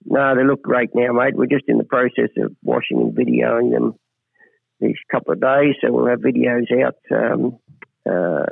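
A man with a rural Australian accent and a gravelly, laconic drawl, giving understated answers in a casual radio interview. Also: medium pitch, fairly even intonation, moderate pace, no echo. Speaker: cattle stud principal, phone-in interview guest. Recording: dull lo-fi phone line on radio.

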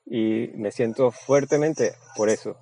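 Blunt, crude man with a dark voice. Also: mid-range voice, slow pace, gravelly, no echo, poor audio. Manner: blunt, crude and boastful, with many restarts. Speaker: seminar speaker. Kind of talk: Spanish voice-over of a seminar talk.

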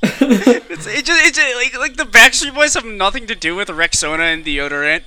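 Teen guy on a podcast, high and really sharp voice, all worked up. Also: lively intonation, normal speed, dry recording. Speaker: podcast co-host. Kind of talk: casual chat.

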